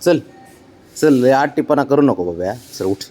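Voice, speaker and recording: A man talking casually to his cat outdoors near a street, pleading with it over and over and gently scolding it. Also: medium pitch, expressive, moderate pace, slight background noise. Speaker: cat owner filming his pet. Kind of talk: casual coaxing talk to a pet. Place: outdoors below a residential building, street nearby.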